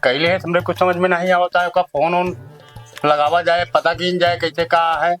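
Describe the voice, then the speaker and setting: A man's voice: high voice, flat delivery, moderate pace, a bit bright, faint music behind. A man playing a baffled, grumbling village uncle in an amateur comedy skit, with an Awadhi accent.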